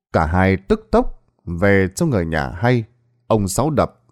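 A man narrating a story in a lively storytelling style. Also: lowish voice, no echo, clean studio sound. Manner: lively storytelling with many acted voices. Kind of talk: scripted narration.

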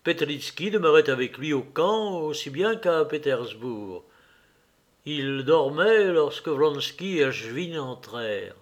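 A man reading a classic novel aloud at a measured, even pace. His voice sits somewhat higher than most men's. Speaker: audiobook reader.

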